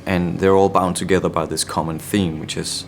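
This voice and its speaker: Speaking in a deep, gravelly voice with a level tone, a Danish man from a band reflects on interview questions in his Danish accent. He frequently stops to hunt for the right words.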